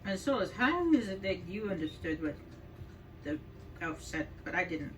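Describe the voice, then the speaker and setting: A woman's voice: lowish voice, very animated, moderate pace, recorded from a distance, slight background noise. A woman giving casual, rambling gameplay commentary as host of a video game walkthrough. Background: video game music.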